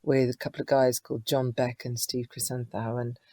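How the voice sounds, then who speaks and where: A woman's voice: extremely low pitch, level tone, brisk, no room sound. A woman, a singer-songwriter guest, chatting casually in an interview and telling stories with many fillers. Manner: chatty, warm storytelling with frequent fillers.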